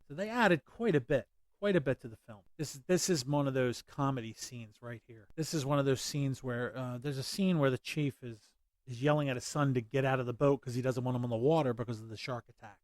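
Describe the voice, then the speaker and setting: A man's voice: mid-range voice, fairly quick, no echo. A man hosting a casual movie commentary, rambling with many fillers and restarts. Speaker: podcast host.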